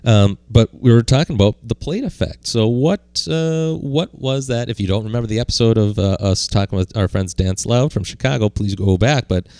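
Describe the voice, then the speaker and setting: A man's voice: lowish voice, lively intonation, normal speed, hardly any pauses, a little mellow, clear, resonant tone, dry recording. A man co-hosting a podcast, rambling casually with lots of filler words while demonstrating effects on a video call. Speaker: podcast co-host. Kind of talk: casual gear demo chat.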